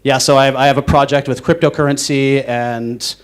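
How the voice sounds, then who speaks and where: A man's voice: mid-range voice, little pitch movement, brisk, smooth. A young man from the northwestern United States giving a casual conference talk on stage, rambling with lots of fillers and restarts. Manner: rambling, filler-heavy, self-interrupting. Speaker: conference speaker.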